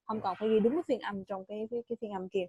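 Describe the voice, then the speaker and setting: A woman's voice: mid-range voice, fairly even intonation, rapid-fire, lo-fi sound, slight background noise. A woman with a Vietnamese accent teaching English pronunciation, repeating words and correcting a student patiently. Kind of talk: online pronunciation lesson.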